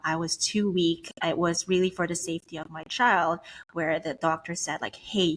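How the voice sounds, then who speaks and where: A woman's voice: lowish voice, slight background noise. A middle-aged woman from Switzerland, a business coach interviewed as a podcast guest, telling her story candidly. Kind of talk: conversational interview.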